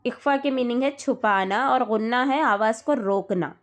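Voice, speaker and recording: A woman teaching Quran recitation rules, explaining slowly and patiently, repeating each point and checking that her student follows. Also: fairly high pitch.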